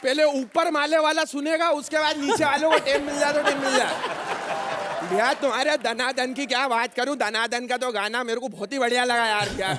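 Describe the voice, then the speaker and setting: Boastful wrestler goon, Indori Hindi accent, very high-pitched, noisy stage sound. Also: male voice, steady tone, moderate pace. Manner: loud, swaggering, joking. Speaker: comedian. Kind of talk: stage comedy sketch.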